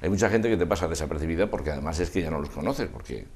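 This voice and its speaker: An older man reminiscing in an interview, discursive and halting, often trailing off mid-thought. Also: rumbling low, darkish tone. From Spain. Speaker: interview guest, festival proclamation speaker.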